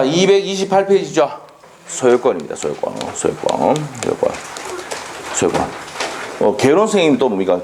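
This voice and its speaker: A man teaching a law exam prep class in a classroom, animated and drilling students with quick questions. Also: mid-range voice, noisy background. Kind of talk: classroom lecture. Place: lecture classroom.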